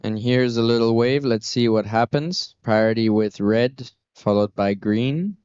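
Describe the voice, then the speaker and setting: A man's voice: mid-range voice, unhurried, darkish tone, clean tone, dry recording, muffled recording. A man giving live commentary as a surf contest announcer.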